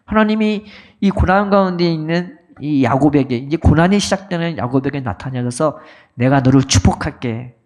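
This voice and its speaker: Middle-aged pastor guy giving a sermon in church, kinda high voice, keeps asking the crowd questions. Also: normal speed. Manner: storytelling preaching, rhetorical questions, reads scripture aloud. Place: church sanctuary.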